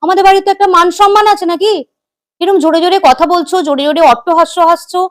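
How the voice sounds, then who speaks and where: A woman's voice: very high voice, fast. A woman playing a strict mother-in-law who lectures her daughter-in-law in a comic family sketch. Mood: scolding. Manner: scolding, lecturing.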